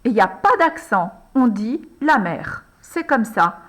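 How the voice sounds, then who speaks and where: Slow, patient woman teaching handwriting. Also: a little high, sing-song. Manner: patient, addresses the child as tu, frequent "alors" and "hein". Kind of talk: slow step-by-step handwriting lesson for a child.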